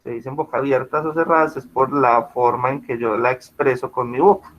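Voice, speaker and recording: A man's voice: mid-range voice, steady tone, fairly quick. A male teacher giving an online class, explaining patiently and checking often that students follow. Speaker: school teacher. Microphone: video call. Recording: muffled video-call audio.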